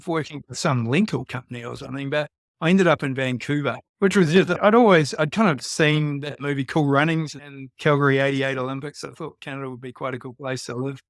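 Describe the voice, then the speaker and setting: A man's voice: mid-range voice, vocal fry, no room sound, studio quality. A man with a New Zealand accent telling anecdotes casually as a podcast guest.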